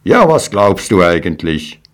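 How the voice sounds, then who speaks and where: Scornful male shepherds brush off a simpleton with mockery, as a male storyteller puts them on. The deep voice is drawn out slowly. A storybook reading. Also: big pitch swings. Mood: mocking. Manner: mocking.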